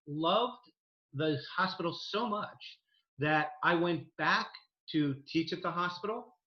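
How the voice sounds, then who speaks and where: Enthusiastic man on an echoey call. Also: fairly high pitch. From New Jersey. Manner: earnest, enthusiastic storytelling with many fillers. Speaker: dental residency program director. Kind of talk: interview over video call. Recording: echoey, dull video-call audio.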